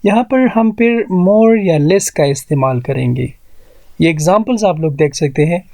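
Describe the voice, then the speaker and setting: A man teaching an English grammar lesson, explaining rules slowly and spelling words out syllable by syllable. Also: on the high side, expressive, dark tone, no room sound. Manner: mixes Hindi-Urdu explanation with read-out English rules.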